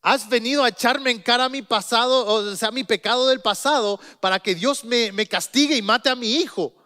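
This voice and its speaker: A man's voice: very high-pitched, normal speed, bright, forceful tone, long reverb tail, pitched above the performer's own voice. A man voicing a grieving widow who anguishes and accuses. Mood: anguished.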